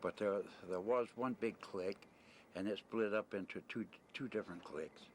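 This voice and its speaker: An older American man with a low voice, a retired merchant seaman, rambles through a casual interview at a moderate pace, blunt and plain-spoken with some mild cursing. He's recorded on location at a desert camp with ambient noise around him, on noisy amateur videotape from 1990.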